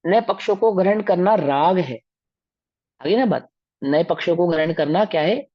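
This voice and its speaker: A man's voice: high voice, expressive, normal speed, dry recording. A man teaching a scripture study class who explains step by step and keeps asking the class rhetorical questions. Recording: dull, dry recording.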